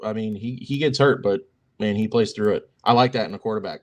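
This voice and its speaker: A young man co-hosting a casual sports podcast, joking and filling pauses with lots of ums. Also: fairly low pitch. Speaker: podcast co-host.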